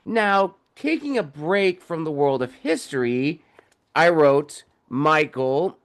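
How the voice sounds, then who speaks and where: A young man speaks as an author guest on a video call, eager and chatty as he walks through his work. His voice is smooth and clear, pitched a little high for a man. He rambles a bit, with fillers and restarts along the way. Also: animated, slow pace. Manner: enthusiastic, explains at length with fillers. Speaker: author and podcast host, guest here. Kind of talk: casual interview talk.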